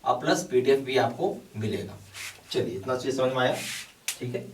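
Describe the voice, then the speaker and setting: A man's voice: medium pitch, lively intonation, moderate pace, darkish tone, a little hiss or hum. Urging male tutor in an echoey room. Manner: repeats "okay" often, urging and emphatic. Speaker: bank exam coaching teacher. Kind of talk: explaining a course to students. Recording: echoey room, mic at a distance.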